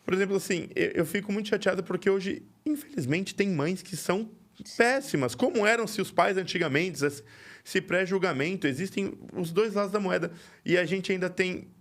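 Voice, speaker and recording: A man's voice: high voice, moderate pace. A man hosting a podcast, telling a story in casual chat and acting out the voices in it. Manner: animated, acts out quoted dialogue. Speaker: podcast host.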